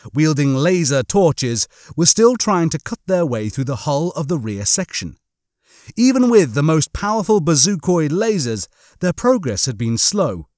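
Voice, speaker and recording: Dramatic, suspense-laden narration of a comic sci-fi audiobook comes from a man whose voice is on the high side. It's recorded at studio quality without echo.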